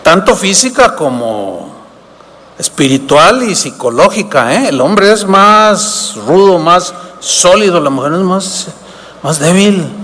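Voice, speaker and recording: High-voiced pastor in a hall. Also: male voice, sing-song, slow, a bit bright. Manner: preaches with rhetorical questions, acts out dialogues. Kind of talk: sermon. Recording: long reverb of a large hall.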